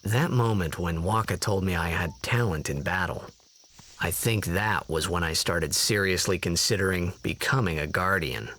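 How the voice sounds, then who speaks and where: A man's voice: low-pitched, normal speed, a bit bright. An actor playing an earnest young man in reflective game cutscene dialogue. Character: young man weighing a new calling.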